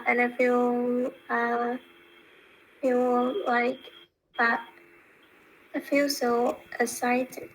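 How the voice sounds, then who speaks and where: Female learner, Vietnamese accent, hesitant answer, somewhat high voice. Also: a bit bright, a little hiss or hum, rough recording. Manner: halting, with fillers. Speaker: student.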